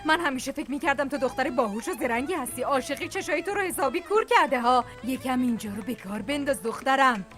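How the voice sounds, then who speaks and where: Cartoon dub: an actress doing a sly older sister, coaxing and confident. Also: female voice, high-pitched, lively intonation, few pauses, a bit bright, faint music behind. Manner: persuasive, coaxing.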